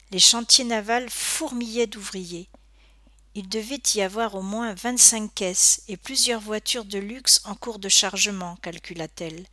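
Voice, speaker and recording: A woman narrating a children's adventure story aloud, with expressive storytelling that rises for suspense. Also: mid-range voice, no echo. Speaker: audiobook narrator.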